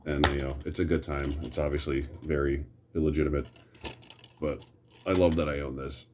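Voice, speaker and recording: A man's voice: extremely low pitch, flat delivery, moderate pace, noisy background. A middle-aged American man giving casual, rambling commentary in an opinionated, grumbling back-in-my-day rant with some mild swearing. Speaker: host reminiscing about superhero films.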